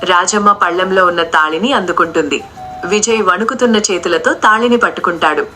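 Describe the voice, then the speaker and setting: A woman narrating a family drama story in a scripted, even storybook delivery. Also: lowish voice, brisk, soft background music.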